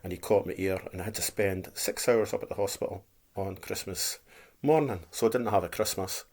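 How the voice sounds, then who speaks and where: This low-pitched, slightly mellow voice belongs to a man in his fifties from Scotland. A vlogger with a Dundee accent and a speech impediment turning r into w, he chats casually and plainly, rambling and repeating himself.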